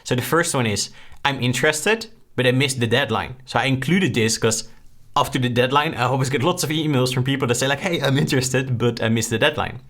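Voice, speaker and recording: This young Dutch man from the Netherlands speaks at medium pitch, fairly quickly, with a slightly bright sound. An online course creator, he chats in an upbeat, casual way while walking through a screen-share tutorial, often ending his points with "right?"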